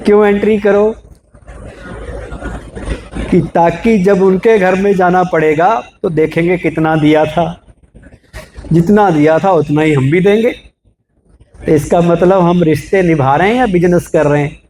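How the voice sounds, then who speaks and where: A man with a notably high voice gives a motivational talk to a live audience. He keeps asking the listeners questions, asks for raised hands and builds his points from everyday examples. A faint hiss of noise sits under the recording. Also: moderate pace. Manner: explains with everyday examples, lively. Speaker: spiritual speaker.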